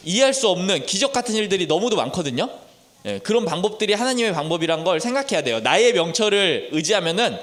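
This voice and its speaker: Male Sunday school teacher, children's sermon, high and animated, storytelling, 30s. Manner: storytelling, asks children questions.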